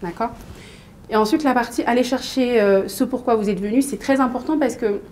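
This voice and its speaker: A woman's voice: on the high side, a little fast, a little hiss or hum. Woman from Mali telling her story. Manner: hesitant, many fillers and restarts, lively storytelling. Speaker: interview guest, business coach. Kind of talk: casual conversational interview.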